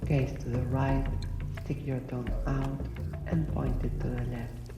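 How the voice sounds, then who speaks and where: Very low-voiced woman guiding a breathing exercise. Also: level tone, vocal fry. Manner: measured, instructional, short pauses between phrases. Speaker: breathwork instructor. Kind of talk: scripted guided breathing exercise narration. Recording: roomy, distant voice under loud music. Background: loud music.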